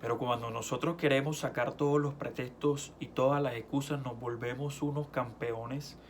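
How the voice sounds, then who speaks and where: A man preaches in an easy, chatty way, stumbling over restarts, then lifts his voice when he reads scripture. His pitch sits in the middle range. A faint hiss of noise runs under the recording. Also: steady tone, normal speed. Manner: conversational preaching with many restarts, rising loud when reading scripture. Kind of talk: sermon.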